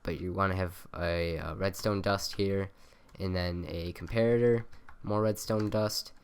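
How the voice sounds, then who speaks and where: This gaming tutorial maker is a young man whose low voice is nasal yet clear and resonant, with a steady tone and a slightly slow pace. He rambles through a casual voice-over, often saying um and correcting himself, recorded on a cheap USB desk mic by his keyboard.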